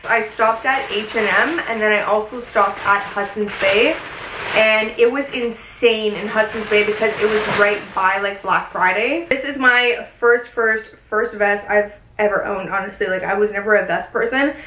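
A woman's voice: medium pitch, normal speed, bright, forceful tone, slight background noise. Bubbly young woman chatting in a roomy bedroom. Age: young adult. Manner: chatty, effusive, talks straight to viewers. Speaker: fashion vlogger. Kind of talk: casual haul vlog chat. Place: bedroom, indoors. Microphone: camera at a short distance.

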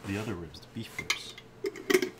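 An older man with a deep voice chats in a relaxed way during a kitchen cooking live stream at home, reading out comments as he goes. He talks at a moderate pace, and the distant camera catches a very noisy background of clattering dishes and cutlery.

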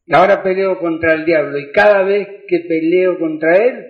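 An older man with an Argentine accent giving an emotional sermon testimony in a church, building to shouted praise. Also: a little high, normal speed. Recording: echoey, muffled church recording.

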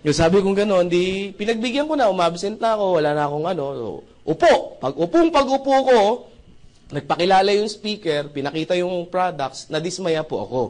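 A man's voice: high-pitched, a little fast. A young man from the Philippines telling a live audience his story, acting out quotes and often asking the crowd for agreement. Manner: animated, acts out quotes, asks the audience "right?". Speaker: speaker giving a testimony to an audience.

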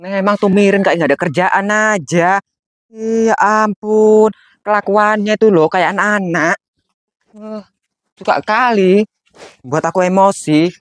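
A man acting a grumbling, quick-tempered village mother in a slapstick sketch. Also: high-pitched, dry recording, studio quality. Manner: grumbling, mocking asides. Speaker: comic actor.

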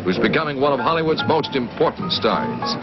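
A man's voice: mid-range voice, lively intonation, a little fast, dull audio, over loud music. A man narrating a 1960s newsreel in an upbeat showbiz voice-over, with the sound of an old newsreel.

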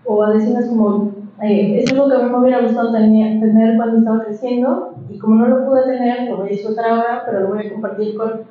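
A woman illustrator speaking at a book presentation in a large hall, in a lively, conversational way. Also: on the high side, fast, a little hiss or hum. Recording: echoey hall, muffled sound.

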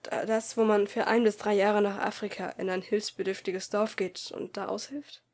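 A woman voicing a caring teenage boy who is a worried best friend, in an amateur audiobook reading, speaking softly and falteringly. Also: mid-range voice, little pitch movement, normal speed, close to an everyday voice. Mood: hesitant. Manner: soft, faltering, uncertain.

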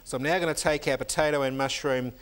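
A fast-talking middle-aged cooking instructor with a medium-pitched voice demonstrates a recipe in a teaching kitchen, steadily explaining each step as he goes and saying "um" now and then. There's noise in the background.

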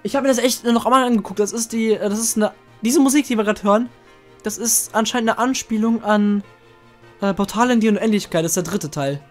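A woman's voice: on the high side, fast talker. A woman let's player reading game text aloud and commenting casually. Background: video game music.

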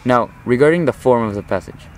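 Teen guy doing a school oral commentary, earnest and formal, mid-pitched voice, faint traffic hum behind. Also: expressive, a little fast, a little mellow, low-quality recording. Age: teens. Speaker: high school student.

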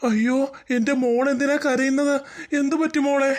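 A protective, hard-up single father who scolds and complains, played by a male cartoon voice actor. The voice rides very high for a man, strained and reedy. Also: steady tone, normal speed. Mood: worried.

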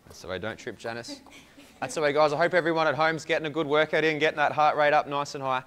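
A young man with an Australian accent and a slightly high-pitched voice leads an exercise session as coach. He gives short, clipped instructions and steady encouragement to people training along at home. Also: fast, a little hiss or hum. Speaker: fitness coach. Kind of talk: coaching a workout for viewers at home. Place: indoor room with hard floor and whiteboard.

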